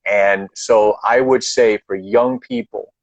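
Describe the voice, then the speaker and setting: A man's voice: fairly low pitch, fairly even intonation, slow, vocal fry, no room sound, poor audio. A man speaking as a guest in a live online chat, giving advice earnestly and repeating his key points for emphasis.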